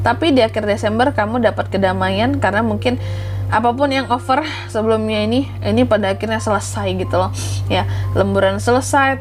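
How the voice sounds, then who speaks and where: An Indonesian woman with a congested, blocked-nose voice from a cold, chatting through a tarot reading as host and often adding questioning tags. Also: mid-range voice. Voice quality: congested, stuffy-nosed voice from a cold. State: has flu with blocked nose and sore throat, clearing throat. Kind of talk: casual tarot reading narration.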